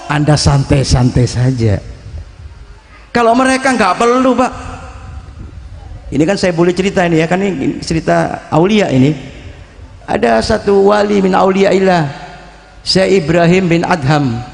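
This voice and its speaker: A man's voice: high-pitched, sing-song, moderate pace, gravelly, long pauses. A man preaching a sermon in a folksy, dramatic way, often calling his listeners "Pak". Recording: echoey hall with long reverb.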